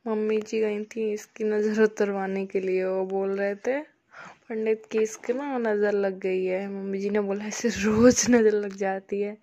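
A woman's voice: mid-range voice, dark tone, highs cut off. A young woman vlogging at home, chatting to camera and cooing baby talk to her infant. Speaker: vlogger, mother. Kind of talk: casual home vlog.

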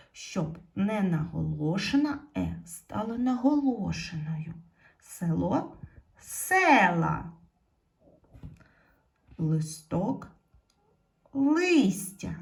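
A woman's fairly low, creaky, warm voice guides young pupils through a video lesson. As a primary school teacher, she is slow, patient, and encouraging, speaking straight to the children.

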